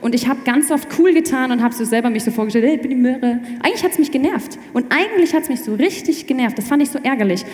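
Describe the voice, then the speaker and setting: A young woman telling her faith story in casual chat, animated and quick to restart her sentences. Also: high voice. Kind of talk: personal testimony in casual chat. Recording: echoey room with long reverb.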